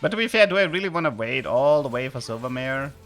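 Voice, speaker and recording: A German-accented streamer from southern Germany commentates his game and chats with viewers, now and then exploding with excitement. His pitch is medium and his pace quick, with soft music in the background.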